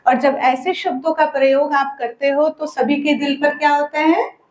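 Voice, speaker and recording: A woman with a high voice holds a lesson for a group of children and tells them a story. She keeps throwing quick questions at them and waits for the answers. She draws out key words in a sing-song way. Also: fairly even intonation, darkish tone. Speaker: spiritual teacher at a children's summer camp.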